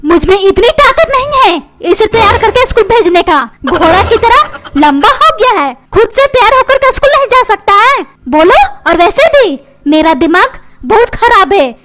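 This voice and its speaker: A woman's voice: extremely high pitch, sing-song, moderate pace, hardly any pauses, fairly bright tone, slight background noise, exaggerated voice. A woman voicing a nagging, quarrelsome mother in a cartoon, complaining to her husband and doting on her son. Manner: complaining, demanding, repeats questions. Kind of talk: cartoon comedy voice acting. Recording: background music.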